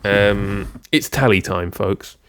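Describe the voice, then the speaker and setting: A man's voice: lowish voice, slow pace, clean tone. A man co-hosting a casual music podcast, rambling with many ums and restarts. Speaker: podcast co-host.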